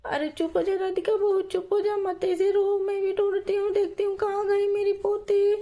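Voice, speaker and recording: A woman's voice: extremely high pitch, level tone, moderate pace, dark tone, voice pushed up. A woman voicing a stern grandmother who scolds her daughter-in-law and then soothes her. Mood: soothing. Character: stern old Indian mother-in-law, grandmother.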